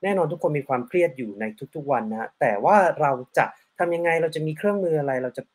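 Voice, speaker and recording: A man's voice: fairly high pitch, animated, fast, darkish tone. A man hosting an interview, switching between languages and politely summarizing and translating his guest's answers.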